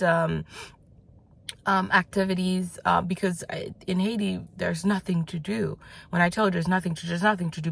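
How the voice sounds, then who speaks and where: A woman's voice: fairly low pitch, vocal fry. A woman who grew up in the United States, talking in a motivational vlog as a business coach. She is blunt and swears casually, rambling loosely with lots of fillers and restarts.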